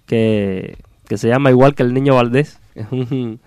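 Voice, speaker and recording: A man's voice: mid-range voice, measured pace, clear, resonant tone, no echo. Man reciting poetry, dry studio sound. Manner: relaxed, hesitant spoken introductions. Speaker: radio guest reciting poetry. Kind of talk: poetry reading on radio.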